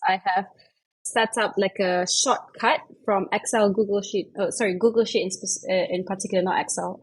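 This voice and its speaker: A young woman from Malaysia, chatting as an interview guest, full of fillers and quick self-corrections. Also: mid-range voice, breathy edge, rough recording. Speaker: guest, investment manager. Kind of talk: casual interview chat.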